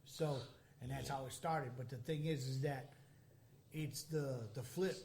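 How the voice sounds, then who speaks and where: A man's voice: medium pitch, fairly even intonation, measured pace, gravelly, darkish tone. A man telling stories in casual chat, explaining things loosely with informal slang.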